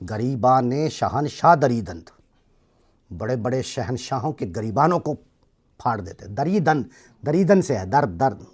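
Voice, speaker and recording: A man's voice: mid-range voice, sing-song, darkish tone, husky. A middle-aged man with a Pakistani accent teaching a class, explaining step by step and checking that his students follow. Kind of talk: classroom lecture.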